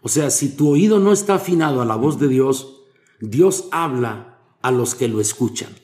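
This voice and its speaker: A man's voice: medium pitch, animated, normal speed, darkish tone. A man, a preacher, being interviewed, explaining sermon craft with Bible quotes and everyday examples. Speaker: guest preacher. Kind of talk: conversational interview about preaching.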